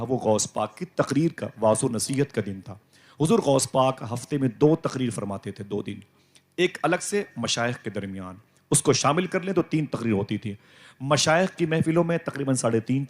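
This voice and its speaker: Man, preacher, devotional sermon, emphatic, calls on the crowd to answer. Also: mid-range voice. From South Asia. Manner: emphatic, rising to loud calls for crowd response. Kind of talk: devotional sermon to a live gathering.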